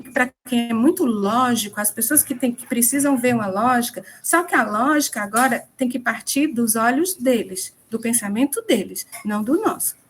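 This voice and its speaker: A woman from Ceará with a Northeastern Brazilian accent, teaching an English class. She explains step by step, drops in English example sentences and acts out short dialogues. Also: sits high. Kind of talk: classroom lecture.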